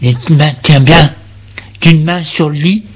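Slow, deliberate male storyteller. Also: on the high side, breathy edge. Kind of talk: dramatic story reading.

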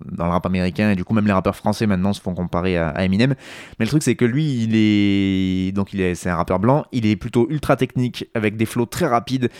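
A man's voice: lowish voice, a little mellow, clean tone, no room sound, studio quality. A man hosting a radio music show, talking casually with many hesitations and restarts.

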